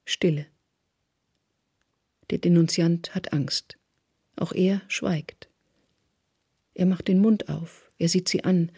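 Brief: husky radio drama narrator, measured and hushed, dry close sound. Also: mid-range voice, fairly even intonation, no echo. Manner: measured, often hushed to a whisper.

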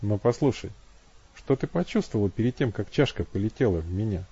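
A man voicing a gruff, impatient man who barks demands loudly in an audiobook. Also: on the low side, lively intonation, fairly quick, lo-fi sound. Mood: calmer.

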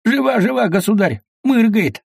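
A man's voice: sits high, lively intonation, moderate pace, vocal fry, breathy edge, no room sound, studio quality, pitched above the performer's own voice, full character voice. A man doing a fawning bustling watchman. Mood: fawning eager. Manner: obsequious, shouting. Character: fussy servile old watchman in a sheepskin coat.

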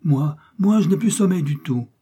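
An excited little peasant boy in a storybook, acted by a man, shouting war cries and imitating drums and guns with his mouth. The voice sits well above the reader's own, with a husky, dark grain underneath. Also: a little high, moderate pace, voice pushed up. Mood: eager.

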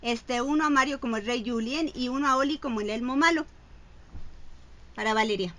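A woman's voice: a little high, brisk, a bit bright. A woman chatting casually as a show host and reading out listener requests. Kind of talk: casual chat.

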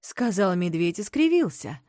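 A woman narrating a children's story with animated, expressive storytelling. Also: on the low side, normal speed, no room sound, clean studio sound.

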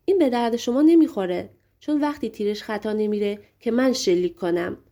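A woman's voice: fairly high pitch, expressive, dark tone. A woman voicing an earnest young male hunter in an audiobook fairy tale. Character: young man, a brave hunter's apprentice.

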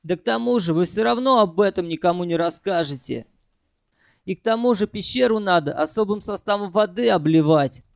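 A man's voice: high voice, gravelly, no room sound, clean studio sound. A man voicing a cocky, sly male gang leader who was once a chemistry student and explains things at ease.

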